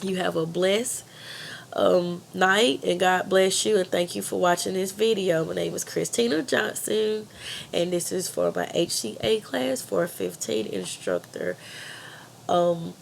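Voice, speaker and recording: A woman's voice: lowish voice, animated, measured pace, creaky, slight background noise. A woman with a country accent and a congested, pinched-nose nasal sound from being sick, earnestly giving an informal persuasive presentation. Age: adult.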